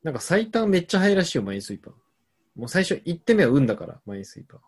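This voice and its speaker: Husky, lively man riffing fast. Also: a little high. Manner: playful, riffing on jokes with deadpan absurd claims. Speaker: podcast host reading listener answers. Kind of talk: casual comedy chat.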